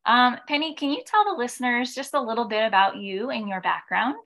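A woman's voice: on the high side, fairly quick, fairly bright tone. A woman in her thirties from the American Midwest, hosting a podcast in an upbeat, encouraging way with casual fillers. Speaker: podcast host.

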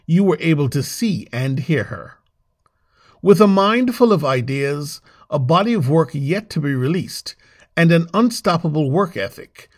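A man hosting an interview show, first narrating an intro, then asking questions in a lively way with frequent restarts. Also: fairly high pitch, vocal fry. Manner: lively, repeats words and restarts often as he asks questions. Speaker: show host.

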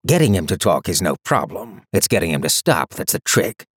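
A man's voice: low-pitched, very animated, a little fast, breathy edge, no room sound, exaggerated voice. A man voicing a dry-witted wandering mercenary. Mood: wry. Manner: dry, wry understatement. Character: wry weary male traveler-for-hire, adult.

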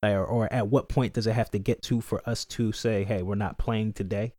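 Laid-back man thinking aloud, low voice. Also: little pitch movement, moderate pace, mellow, no echo. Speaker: podcast co-host. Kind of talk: casual chat.

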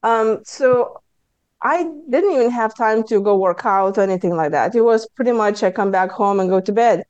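This is a personal story told in a podcast interview by a Lithuanian-accented stress management coach, whose earnest, candid telling bursts into spirited self-quotes. She speaks at a normal speed in a clean, medium-pitched voice. There's no room sound, but the audio is muffled.

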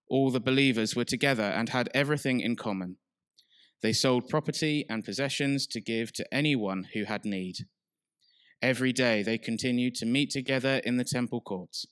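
Male church reader, smooth medium-pitched voice, scripture read aloud, close dry sound. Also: a bit bright, no echo. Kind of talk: Bible reading.

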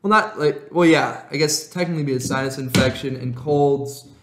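A man's voice: mid-range voice, moderate pace. A young American man chatting casually as a podcast co-host, in a rambling, slangy way. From Illinois, United States. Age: young adult. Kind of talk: casual chat. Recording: roomy echo.

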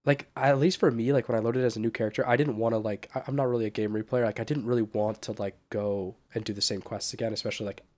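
A man's voice: lowish voice, steady tone, fast, few pauses, a little mellow. A man with a stuffed-up nose from a cold co-hosting a podcast, talking casually and hesitantly with many restarts. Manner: hesitant, restarts and stacked fillers. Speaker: podcast co-host. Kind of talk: casual chat.

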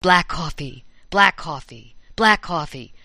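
A woman's voice: lowish voice, expressive, slow, pushed and bright, no echo, studio quality, exaggerated voice. A woman voicing the vengeful ghost of a murdered sister in an eerie whisper, in a told campfire story.

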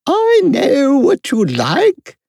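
An imperious storybook chess queen, pitched very high and swooping dramatically. She is bossy and brisk in temper, with emphatic, proper phrasing and formal courtesy. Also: wildly swooping pitch, warm tone, dry recording, clean studio sound, heavily acted.

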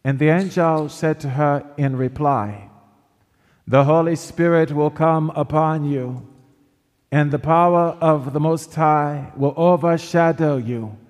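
Guy doing a solemn gospel reading like a priest, slow n a bit high, big cathedral echo. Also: a little mellow. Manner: measured, deliberate proclamation. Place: large reverberant church interior. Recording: echoing church hall, long cathedral-like reverb.

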